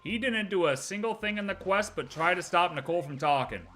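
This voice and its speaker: A high-pitched, fairly bright male voice moves at a fairly quick clip over faint music. The speaker is a livestreamer speculating about a game's story in casual, slangy, rambling chat, repeating phrases for emphasis.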